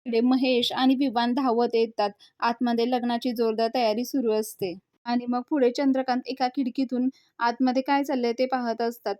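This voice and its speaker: Higher-voiced woman recapping a TV episode. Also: flat delivery, normal speed, mellow, no echo, studio quality. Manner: retells scenes and reads out characters' lines, with small slips and fillers. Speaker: TV serial review host.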